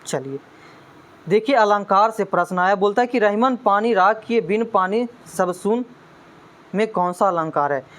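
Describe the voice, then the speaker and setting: A man's voice: sits high, measured pace, a bit bright. A man teaching an exam-prep lesson, constantly checking in with "है ना" and urging students to study hard. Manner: constant "है ना" tag questions, coaxing students.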